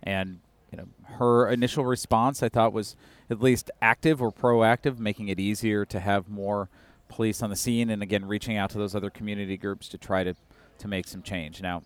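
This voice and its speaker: A man co-hosting a casual politics podcast, talking in an upbeat, clear and opinionated way. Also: fairly low pitch, steady tone, moderate pace, few pauses, no room sound. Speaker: podcast co-host.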